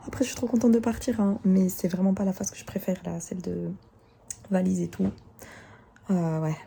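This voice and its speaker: Her voice is medium-pitched, gravelly and warm, with fairly even intonation and a moderate pace, against slight background noise. She's a chatty woman in her early twenties with a Belgian French accent, mixing English words and young slang into a casual vlog with scripted voice-over narration.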